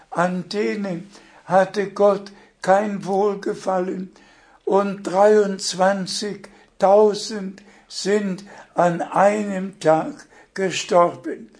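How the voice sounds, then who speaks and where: Slow, earnest high-voiced male preacher. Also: vocal fry, a little mellow. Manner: earnest, emphatic preaching with long pauses. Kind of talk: sermon.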